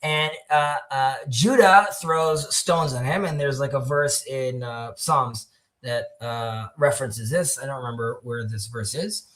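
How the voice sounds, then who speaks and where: A man's voice: medium pitch, a little slow, a bit bright. A man hosting an online discussion, explaining prayer texts while searching for his words. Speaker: host.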